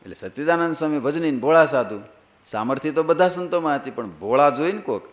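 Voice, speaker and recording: A man's voice: a little high, fast. A man who is a monk preacher, telling a sacred story as a sermon. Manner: lively storytelling, acts out characters.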